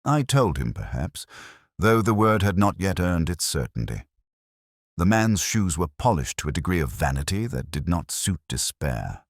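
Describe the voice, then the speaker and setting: A man acts out a weary police inspector with an extremely low, expressive voice. He narrates a detective audio drama in measured, literary phrases, wry and melancholy. The sound is close and dry, with very little room on it. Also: no room sound, heavily acted. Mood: brooding, reflective. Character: weary, reflective male police inspector narrating his case.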